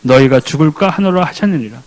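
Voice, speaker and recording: A man's voice: a little high, lively intonation, fast, a little mellow, poor audio. A man preaching a sermon as a deacon. He asks questions and answers them himself, and acts out the characters in casual speech.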